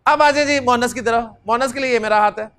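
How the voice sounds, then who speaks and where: A man teaches a grammar lesson. He repeats short pronoun forms in a steady chant and peppers his explanations with a polite "ji". He gestures with his hands as he talks. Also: very high voice, quick pace, smooth. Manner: drills pronouns in chanted repetition, says "जी" often. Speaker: Arabic teacher. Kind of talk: classroom-style grammar lesson.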